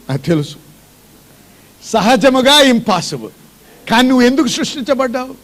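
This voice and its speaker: A man's voice: very high voice, a bit bright. A male pastor preaching a sermon in a church, asking repeated questions and calling on the congregation to respond.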